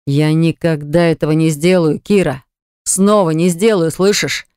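A man's voice: on the high side, steady tone, moderate pace, darkish tone, smooth, dry recording, studio quality, lightly acted. A man voicing a jealous young ex-fiancé who pleads earnestly to win her back, in an audiobook. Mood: insistent. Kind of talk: audiobook dialogue reading.

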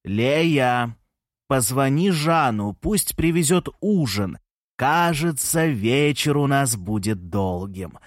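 A man's voice: mid-range voice, lively intonation, measured pace, no room sound, studio quality. A man voicing a gushing, theatrical old grandma. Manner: gushing, teasing, fussy. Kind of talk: audiobook character reading.

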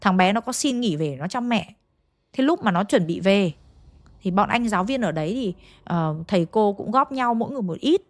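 A woman's voice: fairly high pitch, no echo. A woman with a Hanoi accent retelling a ghost story in a chatty, dramatic way, speaking straight to her listeners. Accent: Hanoi Vietnamese.

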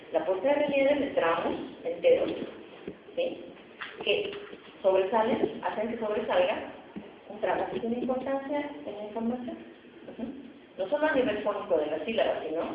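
A woman's voice: on the high side, slight background noise. A woman professor giving a university phonetics lecture, explaining and often checking in with the class. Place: large echoey classroom. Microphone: distant recorder. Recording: echoey, distant, muffled classroom recording.

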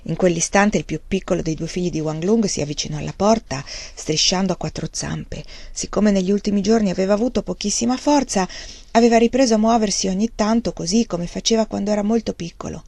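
A woman's voice: mid-range voice, fairly quick, vocal fry, a little mellow, dry recording. A woman with an Italian accent reading a novel aloud expressively, sometimes dropping to a whisper. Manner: dramatic, dipping into whispers. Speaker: audiobook reader.

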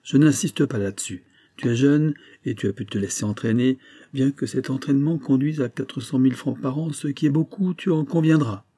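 A man's voice: medium pitch, normal speed, warm tone, slightly rough, no echo, pitched above the performer's own voice, close to an everyday voice. A man voicing a vain, blustering older banker who lectures his son in a familiar, exasperated tone. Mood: reproachful. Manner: familiar, then scolding and exasperated.

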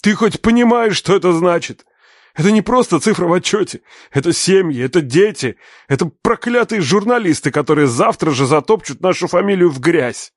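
Guy reading as a stern angry dad, loud barking shouts, higher and hard, dry sound. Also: moderate pace, no room sound, natural voice. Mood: shouting angrily. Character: stern, furious older father, a company boss. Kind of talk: audiobook narration.

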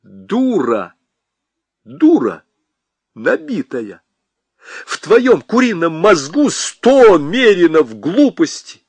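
A man's voice: on the high side, sing-song, takes it slowly, creaky, fairly bright tone, husky, dry recording, pitched above the performer's own voice, full character voice. A man putting on a shrieking hysterical Soviet functionary. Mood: screaming. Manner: shrieking, frantic, ranting. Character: hysterical middle-aged male Soviet functionary.

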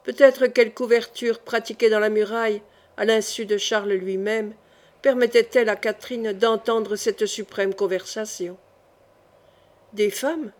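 Woman, audiobook narrator, steady measured reading, scripted narration. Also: medium pitch.

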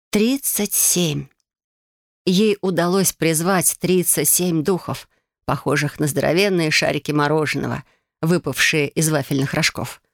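An audiobook reader narrating a fantasy novel in a measured, even storytelling manner on a close studio mic. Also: mid-range voice, creaky, dry recording.

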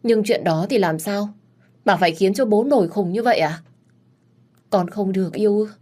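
A woman's voice: medium pitch, normal speed, warm tone, voice pushed up, natural voice. A woman voicing a tearful, defiant young woman in an audiobook story, speaking in an emotional, pleading way.

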